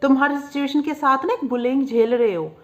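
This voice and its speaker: A woman's voice: sits high, normal speed. A young woman from Haryana with a Haryanvi accent, talking bluntly to camera in a casual monologue and laughing at her own jabs. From Haryana, India. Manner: blunt and outspoken, mixing Hindi with English words and laughing at her own jabs. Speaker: vlogger.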